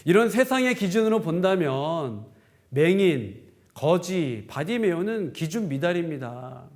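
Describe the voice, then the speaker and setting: A man's voice: on the high side, sing-song, measured pace, darkish tone. A male pastor giving a sermon, retelling a story and asking rhetorical questions.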